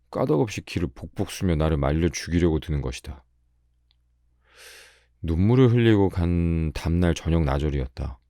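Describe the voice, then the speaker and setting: Deep, mellow male audiobook reader. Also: no room sound, clean studio sound. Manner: calm, measured storytelling. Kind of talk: audiobook reading for sleep.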